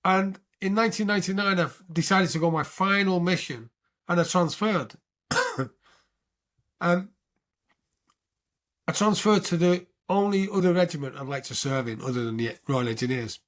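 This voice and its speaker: A British man in his sixties, a veteran telling his life story as an interview guest, animated and often checking in with the listener. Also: high-pitched, normal speed, pauses often. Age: 60s. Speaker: podcast guest, military veteran.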